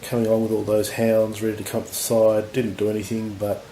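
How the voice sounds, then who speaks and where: Husky man, mellow lowish voice, rambling battle commentary, echoey room, faint noise. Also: fairly quick. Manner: relaxed, rambling, lots of fillers. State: husky voice from recovering illness. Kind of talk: casual game commentary.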